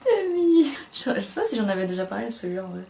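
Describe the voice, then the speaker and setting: A woman's voice: mid-range voice, sing-song, fast talker, gravelly, dark tone. Young woman, book-review co-host, chatty and self-mocking, recorded in an echoey room with faint hiss. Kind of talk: casual chat book review.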